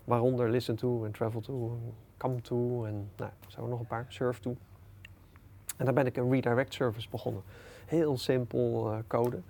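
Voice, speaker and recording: A middle-aged man, an entrepreneur being interviewed, telling anecdotes in a relaxed, animated way with plenty of fillers. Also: medium pitch, moderate pace, gravelly. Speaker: entrepreneur guest. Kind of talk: casual storytelling interview.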